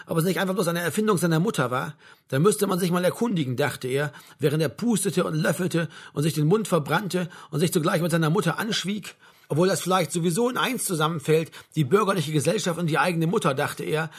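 A man narrating a novel aloud in a measured, wry storytelling manner. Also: on the high side, breathy edge. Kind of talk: audiobook reading of a novel.

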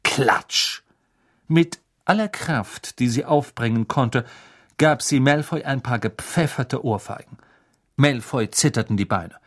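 Guy reading an audiobook, steady mid voice, even storytelling. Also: mid-range voice, slow pace. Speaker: audiobook narrator. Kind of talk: scripted narration.

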